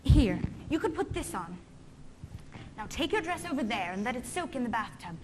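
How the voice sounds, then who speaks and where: A woman's voice: on the high side, sing-song, moderate pace, noisy background. A young woman playing a kind, cheerful governess. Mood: gentle. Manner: soft and soothing in speech, bright yodeling in song. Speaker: stage musical actor. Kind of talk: stage musical acting and singing.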